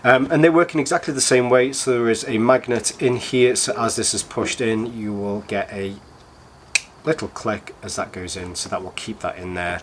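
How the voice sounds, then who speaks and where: Croaky, low-voiced man reviewing gear. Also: moderate pace, slight background noise. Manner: hesitant, rambling, enthusiastic. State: croaky, slightly hoarse from a cold. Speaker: product reviewer, host. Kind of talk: casual review chat to camera.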